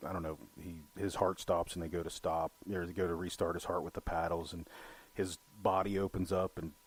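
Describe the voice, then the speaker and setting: Low-voiced man, rambling casual podcast talk. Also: flat delivery, brisk, slightly rough. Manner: rambling, profane, heavy use of "you know". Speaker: podcast co-host. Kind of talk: casual film chat.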